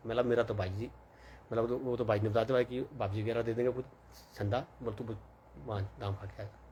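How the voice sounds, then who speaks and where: With a faint hiss behind him, a young man from Himachal Pradesh, India, a vlogger, tells a personal story in a casual monologue, fairly quickly and with fairly even intonation. His lilting voice is middle-pitched and a little mellow. He rambles with lots of fillers and voices each character's lines as quotes.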